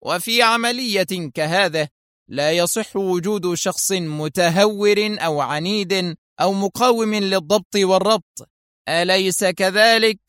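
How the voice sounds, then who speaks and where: A man's voice: high-pitched, a little slow, fairly bright tone, smooth, no room sound, studio quality, voice pushed up. A man voicing a cold, stern male intelligence officer who speaks in an icy, commanding, menacing way.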